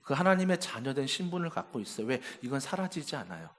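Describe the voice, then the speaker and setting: A man's voice: medium pitch, big pitch swings, quick pace. A male pastor preaching a sermon in a church, emphatic and asking the congregation rhetorical questions. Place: church sanctuary. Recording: long church-hall reverb.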